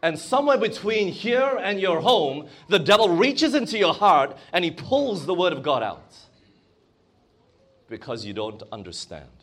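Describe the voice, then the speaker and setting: A man's voice: high voice, big pitch swings, unhurried, a bit bright. A man preaching a sermon in a church or conference hall, asking the congregation questions as he goes.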